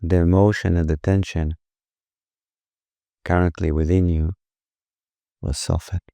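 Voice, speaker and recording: A man guides a meditation in a very deep, creaky voice, unhurried and gentle, his delivery almost flat and broken by soothing pauses. Captured close and dry, the recording has no room sound.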